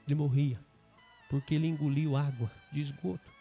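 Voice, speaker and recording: A serious doctor states a grave fact plainly in a Brazilian Portuguese accent, voiced by a preacher. His tone is calm and matter-of-fact, near an ordinary speaking voice. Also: on the high side, a little fast, soft background music, lightly acted. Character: serious male hospital doctor.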